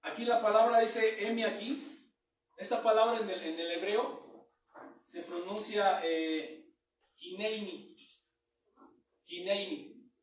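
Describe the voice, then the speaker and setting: A man with a high voice gives a Bible teaching sermon in what sounds like a church hall. He reads each verse aloud and then explains it in plain words. The room rings with heavy echo, and he stands well away from the microphone. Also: little pitch movement, measured pace, a little hiss or hum. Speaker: preacher. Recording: very echoey room, mic far off.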